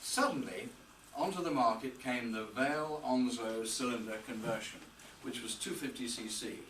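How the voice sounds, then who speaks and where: Speaking at normal speed in a fairly bright, mid-range voice, an older man delivers a birthday tribute full of anecdotes, with dry humour and an unhurried storytelling rhythm. The after-dinner speech takes place in a hotel reception room, captured from a distance amid the noise and echo of the function space.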